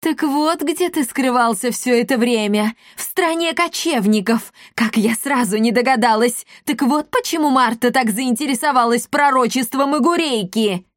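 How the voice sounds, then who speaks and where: Storybook witch, read by a woman: high, slow, gloating and hissing, spiteful. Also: no echo, studio quality, natural voice. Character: furious scheming sorceress woman.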